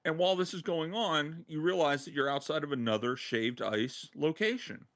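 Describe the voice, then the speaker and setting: A man hosting a podcast, excitedly retelling a game side quest in casual chat and laughing as he goes. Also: on the high side, normal speed. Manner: excited, laughing storyteller who acts out quotes. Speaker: podcast host.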